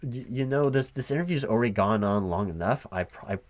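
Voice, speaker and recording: A man with a lowish voice plays a recruiting manager in a one-sided ASMR interview roleplay, stammering and hesitantly repeating words. His delivery is animated and brisk, a soft-spoken ASMR style done at normal volume.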